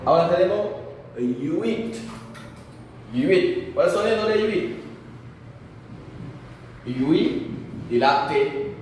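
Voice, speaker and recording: Man, language teacher, patient, slow, slightly high voice, far from the mic, very echoey room. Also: animated, a little mellow, slight background noise. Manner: patient, repeats words for the learner to echo. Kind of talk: spoken language lesson.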